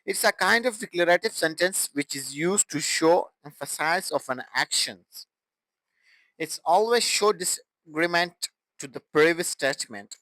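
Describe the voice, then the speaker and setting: A young man teaching an English grammar lesson, explaining slowly and deliberately and repeating example sentences. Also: on the high side, lively intonation, bright, forceful tone, no room sound, rough recording.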